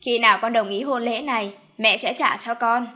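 Lady reading as a bossy scheming mom, insistent, kinda high and loud. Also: moderate pace. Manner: insistent, commanding. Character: scheming stubborn middle-aged mother. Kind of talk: audiobook character voice.

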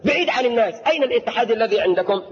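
A man with an Egyptian accent preaching a sermon. He mocks his opponents with shouted outbursts and asks rhetorical questions that leave the last word for the audience. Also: extremely high pitch, animated, rapid-fire. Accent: Egyptian Arabic. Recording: dull lo-fi tape in a reverberant hall.

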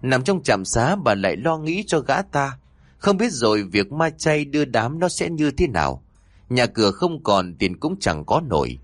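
A man's voice: big pitch swings, normal speed, no room sound. A man narrating a horror story in a scripted storytelling style, switching voices for the characters. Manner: voices characters with shifts in pitch.

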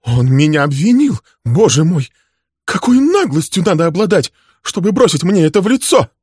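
A man's voice: a little high, very animated, normal speed, darkish tone, slightly rough, no echo, studio quality, pitched above the performer's own voice. A man voicing an accused man who protests breathlessly and angrily in a storybook reading. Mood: outraged. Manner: outraged, breathless. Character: accused man, indignant, shaken.

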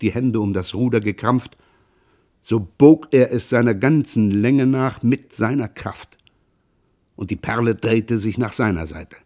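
A man giving a measured, expressive reading of a classic novel. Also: on the low side. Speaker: reader. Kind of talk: literary reading.

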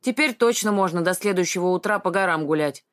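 A woman voicing a cheerful, easygoing male hiker who talks in a hearty, loud way. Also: on the low side, brisk, lightly acted.

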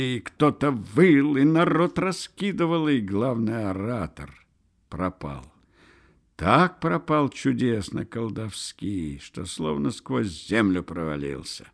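In a medium-pitched voice, a man narrates a literary audiobook, telling the story in a measured, unhurried way.

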